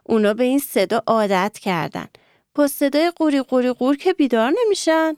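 A woman's voice: high voice, darkish tone, smooth, no room sound. A woman telling a bedtime story to children, engaging them with questions. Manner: engaging, asks listeners questions.

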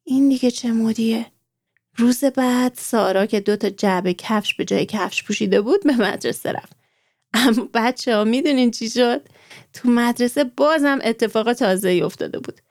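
A woman's voice: fairly high pitch, dry recording, studio quality. A woman narrating a children's story, turning to the young listeners with friendly questions. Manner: warm, addresses children directly with questions.

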